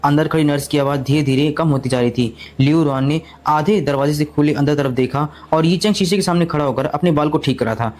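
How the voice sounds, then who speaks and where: A man narrating a storybook recap in rapid, continuous storytelling with frequent restarts. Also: fairly high pitch, a little mellow.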